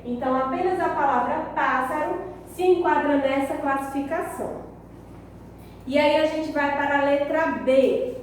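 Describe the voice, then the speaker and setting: A woman teacher giving a recorded school lesson, explaining slowly and checking in with her pupils. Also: sits high, darkish tone, slight background noise. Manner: slow, deliberate explaining with frequent check-ins. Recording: very echoey, distant mic.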